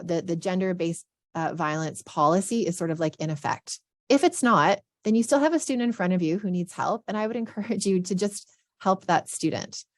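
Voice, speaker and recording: A woman's voice: on the low side, darkish tone, dry recording, studio quality. Earnest woman presenting a training session. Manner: earnest, explanatory, many verbal fillers. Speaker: assistant dean of students, workshop presenter.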